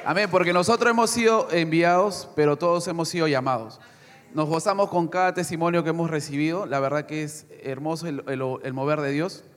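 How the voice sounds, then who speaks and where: A man who went on a mission trip, sharing a testimony and exhorting the congregation, lively with some hesitations. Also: fairly high pitch, brisk. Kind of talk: church testimony and short reflection. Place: church hall. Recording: long hall reverb.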